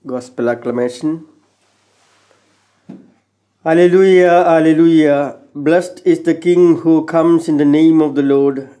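Male lector for Mass readings: mellow, unhurried, solemn and formal. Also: fairly high pitch. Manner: measured, formal recitation. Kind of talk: solemn scripture and psalm reading. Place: small chapel, indoors. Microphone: gooseneck lectern microphone.

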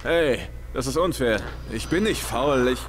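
A man's voice: mid-range voice, lively intonation, a little slow, noisy background, lightly acted. An actor playing a wary, defensive male survivor in a video game, speaking plainly. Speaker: game protagonist.

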